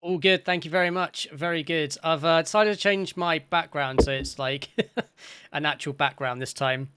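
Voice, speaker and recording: Bright, high West Country man. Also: steady tone, normal speed, smooth. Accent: West Country English. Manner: chatty, lots of fillers and laughs. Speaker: host. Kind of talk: casual show intro.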